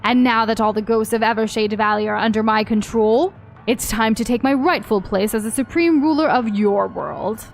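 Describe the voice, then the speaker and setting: Game villain ghost king, played by a woman: slow theatrical menace, gloating and mocking, highish voice over music. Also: vocal fry. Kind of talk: reading game dialogue aloud in character.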